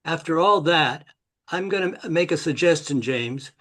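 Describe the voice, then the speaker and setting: A man's voice: fairly high pitch, lively intonation, moderate pace, a bit bright. A man, a book co-author, politely making a suggestion in an online meeting, hesitant with restarts. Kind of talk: casual meeting talk. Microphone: video call.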